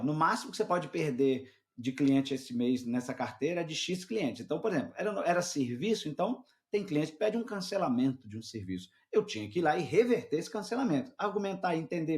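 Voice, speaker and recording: A middle-aged man, a sales mentor and podcast guest, telling a work story in lively casual conversation and acting out the people he quotes. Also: a little high.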